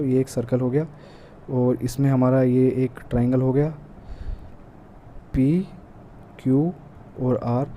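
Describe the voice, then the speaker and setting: A man's voice: mid-range voice, dark tone. A man with an Indian accent teaching an exam-prep math lesson, working through problems step by step and mixing in English math terms. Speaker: math tutor. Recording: faint background noise.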